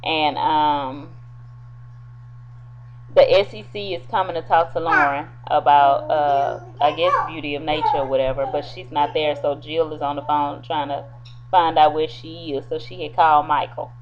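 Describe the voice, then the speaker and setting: A woman's voice: deep voice, fairly even intonation, normal speed, highs cut off. A sleepy woman at home casually recapping a soap opera episode, retelling scenes with quoted dialogue and lots of fillers. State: sleepy, yawning.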